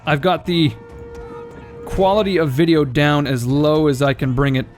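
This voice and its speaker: A man's voice: on the high side, steady tone, moderate pace, soft background music. Man with choppy, uneven audio. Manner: thinking aloud, casual, swearing. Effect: audio cutting in and out, uneven volume. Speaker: gameplay commentator. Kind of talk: casual strategy game commentary.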